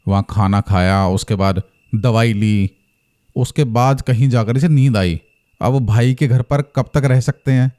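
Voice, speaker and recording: A man recounts a haunting in casual first-person storytelling, earnest and measured. His voice is dark and mellow, at a middle pitch, and he lets the pace drop when the story turns tense. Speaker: horror storyteller.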